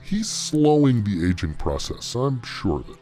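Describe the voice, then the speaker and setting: A man speaking through a voice-altering effect that pitches him down deep to hide his identity, an anonymous industry insider gossiping and speculating in a comedic mock interview. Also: big pitch swings, a little slow, mellow, faint music behind. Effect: voice altered to disguise identity, pitched down deep. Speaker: anonymous talent agency insider.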